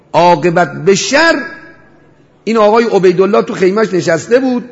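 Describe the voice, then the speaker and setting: Preacher guy, high voice, dull muffled sound, big hall echo, goes loud then hushed. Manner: rhetorical, swings from loud cries to hushed storytelling. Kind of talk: mourning sermon.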